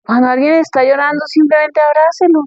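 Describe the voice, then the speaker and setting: High-voiced woman preaching, muffled. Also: steady tone, brisk, a little mellow, no echo. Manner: conversational, asks rhetorical questions. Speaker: pastor. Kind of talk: conference sermon.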